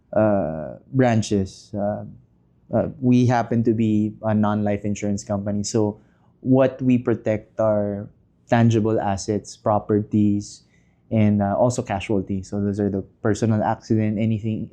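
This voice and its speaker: A Filipino man in his thirties, a podcast guest speaking casually and in measured phrases with frequent pauses, mixing Tagalog into English. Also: on the low side, steady tone, warm tone. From Philippines. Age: 30s. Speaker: podcast guest, business leader. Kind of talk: casual interview talk.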